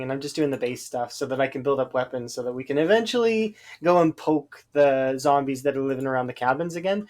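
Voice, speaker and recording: A Canadian man chatting casually while streaming a game, rambling with lots of hesitant fillers. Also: mid-range voice. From Alberta, Canada.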